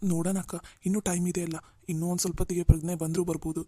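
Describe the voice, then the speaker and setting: Woman as a reassuring young cartoon sister, low mellow voice, fast. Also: level tone, husky. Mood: soothing. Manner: soothing, reassuring. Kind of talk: Kannada cartoon voice acting.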